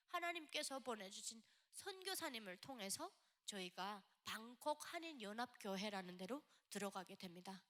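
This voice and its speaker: Woman, North Korean accent, church testimony, high voice, lively melody, acts out quotes. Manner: animated storytelling, acting out quotes. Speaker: guest speaker giving testimony.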